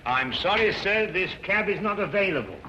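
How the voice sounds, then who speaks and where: A man's voice: high-pitched, animated, moderate pace, pushed and bright, lo-fi sound, slight background noise, pitched above the performer's own voice. An actor playing a man disguised as a stiff, polite cab driver, formal and exasperated. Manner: formal, repeatedly saying sir, exasperated.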